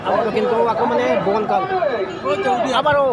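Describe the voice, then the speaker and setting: An excited man calls a football match live in a very high-pitched voice, often repeating his phrases. The outdoor recording is heavy with crowd and loud noise. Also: moderate pace. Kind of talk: live play-by-play commentary.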